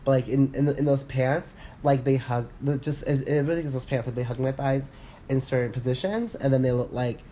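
A man's voice: mid-range voice, a little fast, warm tone, a little hiss or hum. Rambling man chatting, heavy on "like". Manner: rambling, filler-heavy, lots of "like" and restarts; laughs often, candid and profane. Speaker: podcast co-host. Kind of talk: casual chat.

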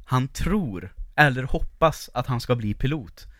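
A man co-hosting a casual podcast, relaxed and joking drily as he leads the talk. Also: mid-range voice, dry recording, clean studio sound. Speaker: podcast co-host.

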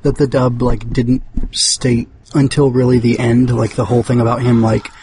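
A man's voice: medium pitch, flat delivery, moderate pace, a little mellow, slight background noise. A man co-hosting a podcast, chatting casually in rambling, restarting sentences. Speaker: podcast co-host. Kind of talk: casual chat.

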